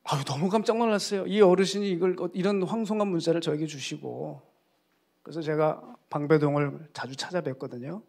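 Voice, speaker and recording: A male pastor preaching to a church congregation, telling his stories with animated, playful energy. His voice sits somewhat high for a man and jumps into quoted voices. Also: fairly quick, creaky. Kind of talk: sermon.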